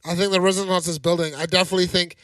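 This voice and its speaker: Fast, high-voiced young man, blunt and profane. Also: little pitch movement, a bit bright, dry recording, recorded from a distance. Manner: blunt, profane, quick retorts. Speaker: podcast co-host. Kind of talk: casual chat.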